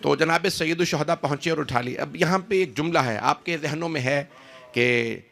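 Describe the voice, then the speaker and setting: A middle-aged man preaching an emotional sermon to a large live gathering, with dramatic rises in pitch and loudness as he addresses the crowd. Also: vocal fry. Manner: addresses the gathering directly and often. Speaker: Islamic preacher. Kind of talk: impassioned religious sermon.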